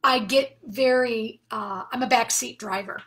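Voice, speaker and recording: A middle-aged woman giving an earnest Bible study talk, sometimes dropping to a soft half-whisper. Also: on the high side, measured pace, breathy edge. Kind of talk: devotional teaching talk.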